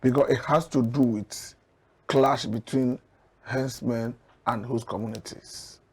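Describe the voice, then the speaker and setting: Speaking with a Nigerian accent, this guest analyst delivers current affairs commentary in a mid-range, slightly rough voice with fairly even intonation. His arguments come across as measured and earnest.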